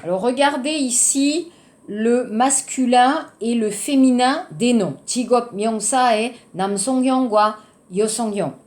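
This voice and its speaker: A woman teaching a French lesson to Korean learners, explaining slowly and adding Korean translations. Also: on the high side, a little mellow. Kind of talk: classroom lesson.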